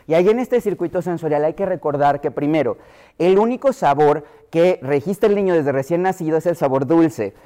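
A man's voice: on the high side, brisk, warm tone. A middle-aged man with a Mexico City Spanish accent giving an explanatory lecture to pediatricians, often acting out voices he quotes.

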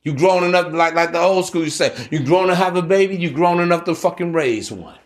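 A man's voice: on the high side, brisk. A man in his thirties hosting a podcast, talking casually and giving blunt, profane lectures. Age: 30s. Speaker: podcast host.

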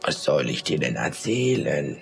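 A man's voice: very deep voice, big pitch swings, measured pace, creaky, a little hiss or hum, full character voice. A man voicing a shy, lonely old woman who speaks hesitantly in a storybook tale. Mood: wondering.

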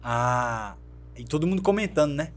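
A man's voice: medium pitch, normal speed, slight background noise. A man from Brazil, a brand founder, telling his life story in an interview and acting out the voices of people in it. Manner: animated storyteller who acts out quoted dialogue. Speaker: guest, fashion brand founder.

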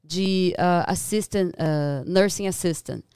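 A woman from Brazil with a Brazilian Portuguese accent, a podcast guest telling stories in a lively, animated way. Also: on the low side, takes it slowly, clear, resonant tone, no echo. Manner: lively storyteller who acts out voices and laughs often. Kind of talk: casual storytelling chat. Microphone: studio podcast mic.

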